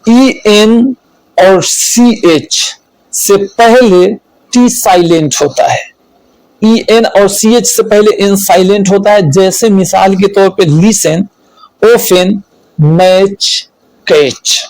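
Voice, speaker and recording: A man teaching English spelling rules, slow and deliberate, repeating each rule and listing examples. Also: high voice, darkish tone, no room sound, poor audio. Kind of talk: spelling lesson explained in Hindi.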